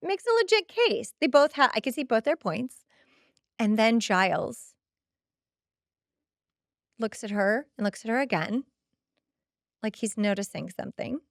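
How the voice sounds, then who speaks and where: In a clean studio recording with no echo, a woman hosting a podcast chats her way through a TV episode recap in a slightly high, creaky voice, going a little slowly and pausing often. Her delivery is expressive and emphatic, and she performs the quoted lines of dialogue.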